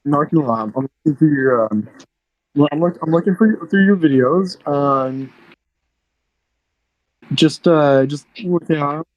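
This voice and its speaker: A man's voice: on the high side, a little slow, pauses often, no echo, muffled recording. A man in casual, rambling chat, his voice breaking up and cutting out over a bad call connection. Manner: rambling, lots of "like" fillers.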